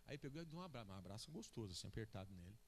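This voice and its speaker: A man's voice: lowish voice, racing, a little hiss or hum. A Brazilian man preaching a sermon as pastor, telling stories and acting out the people in them. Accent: Brazilian Portuguese. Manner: animated, acts out the people in his stories. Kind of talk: sermon with storytelling.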